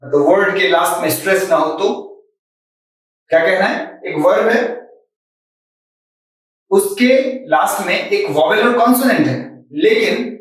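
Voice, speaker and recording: A man teaching English grammar as a lesson, repeating example words slowly and spelling them out letter by letter. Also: high-pitched, heavy reverb, recorded from a distance, rough recording. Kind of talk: classroom-style lesson explaining rules.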